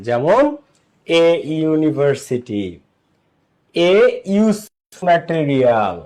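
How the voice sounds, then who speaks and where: Animated male tutor, drilling sounds. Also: fairly high pitch. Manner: explains patiently, repeats sounds over and over, checks "okay?". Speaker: English teacher. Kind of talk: online grammar lesson.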